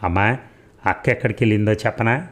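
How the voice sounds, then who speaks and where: A man's voice: on the low side, fast, a bit bright. A man voicing a witty, playful teenage girl who teases her mother, in an audiobook story. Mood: teasing.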